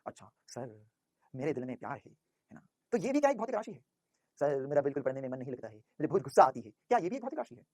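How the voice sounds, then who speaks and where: A man putting on a puzzled young student who quietly asks the teacher questions. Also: mid-range voice, big pitch swings, quick pace, no room sound, studio quality, voice pushed down.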